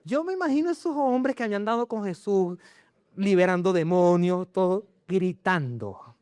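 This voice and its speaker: Animated high-voiced male preacher. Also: normal speed, dry recording. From Chile. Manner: animated preaching, rhetorical questions to the congregation. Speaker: pastor. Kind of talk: sermon. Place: church.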